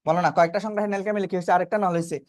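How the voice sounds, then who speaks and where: A man's voice: high voice, fairly even intonation, rapid-fire, no echo, studio quality. A man teaching a biology class, asking questions and then answering them himself, and repeating key terms to drive them home. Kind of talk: classroom lecture.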